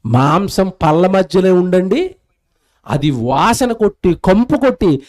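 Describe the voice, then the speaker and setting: Animated high-pitched male preacher. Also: takes it slowly, low-quality recording. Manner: animated storytelling, acts out quoted voices. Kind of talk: sermon.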